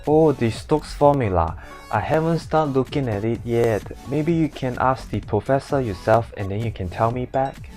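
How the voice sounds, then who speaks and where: A man acting a Hong Kong speaker in a demonstration dialogue, with an exaggerated Cantonese accent and monotone delivery. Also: mid-range voice, normal speed, soft background music, voice pushed up, lightly acted. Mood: casual. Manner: monotone with put-on pronunciation. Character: flat-toned Hong Kong man in everyday conversation.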